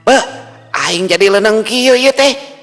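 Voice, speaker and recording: A man's voice: high-pitched, slow, a bit bright, pitched above the performer's own voice. A man voicing a bewildered village man lost near a haunted tree, muttering to himself and chanting spells. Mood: confused. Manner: fretful, muttering to himself, then chanting incantations. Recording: long reverb with faint music.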